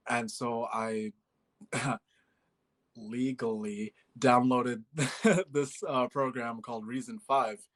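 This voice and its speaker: A man's voice: medium pitch, fairly even intonation, takes it slowly, a bit bright. A man in his twenties from Bangladesh, a musician guest chatting casually in an interview, with many fillers and easy laughs. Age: 20s.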